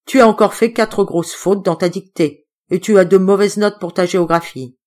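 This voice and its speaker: A woman reading an audiobook, voicing a grumpy, quick-tempered old uncle who scolds loudly. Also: steady tone, natural voice. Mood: scolding. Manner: scolding, gruff and booming.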